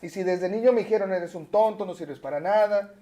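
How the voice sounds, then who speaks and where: A man's voice: sits high, brisk, warm tone, dull audio. A man with a Mexican accent, a teacher and guest, explaining his views in an easy lecturing way with frequent tag questions. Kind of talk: casual interview chat.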